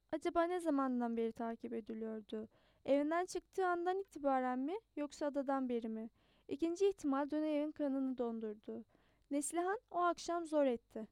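High, mellow-voiced woman reading a novel. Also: dry recording. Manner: steady, measured storytelling with occasional small restarts. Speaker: audiobook narrator. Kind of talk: scripted novel narration.

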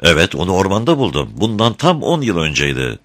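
A man's voice: sits low, wildly swooping pitch, brisk, fairly bright tone, heavily acted. A man voicing a kind, stern woodcutter in a storybook reading. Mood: earnest. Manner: reproachful, earnest. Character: kind older woodcutter, stern but gentle.

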